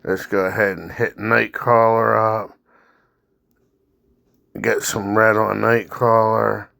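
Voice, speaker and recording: Male gamer, slow-talking and fairly low-voiced, blunt and instructive, casual walkthrough style in a dry close sound. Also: flat delivery, gravelly, bright, forceful tone. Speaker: gamer commentating on own gameplay. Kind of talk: casual mobile game walkthrough commentary.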